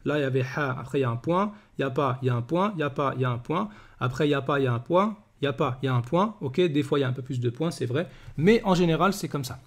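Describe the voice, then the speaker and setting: A man teaching Arabic letters step by step, patiently repeating each sound slowly and often checking that the listener follows. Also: mid-range voice, lively intonation. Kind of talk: step-by-step pronunciation lesson.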